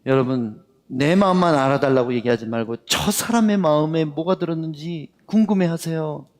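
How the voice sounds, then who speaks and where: A man's voice: a little high, moderate pace. A man preaching a sermon, telling stories and acting out the dialogue in them. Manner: lively storytelling that acts out the dialogue. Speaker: pastor. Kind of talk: sermon with storytelling. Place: worship hall. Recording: long reverb of a worship hall.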